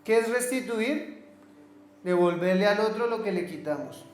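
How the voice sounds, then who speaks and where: A middle-aged Colombian pastor delivers a sermon in a fairly high voice, slipping into the voices of the people in his stories. His words ring around a reverberant church hall with faint music underneath. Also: animated, measured pace. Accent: Colombian Spanish. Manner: storytelling, acting out dialogue, colloquial.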